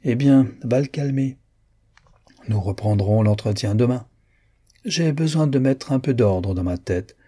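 A man's voice: medium pitch, dark tone, slightly rough. A man voicing a proud, reluctant young woman. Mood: thoughtful. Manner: measured, hesitant, raised tone. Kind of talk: audiobook character reading.

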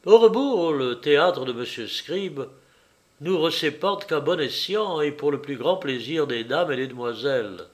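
A man reading a literary novel aloud in a measured, wry and reflective storytelling manner. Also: fairly high pitch, lively intonation. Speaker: audiobook reader. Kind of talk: literary audiobook narration.

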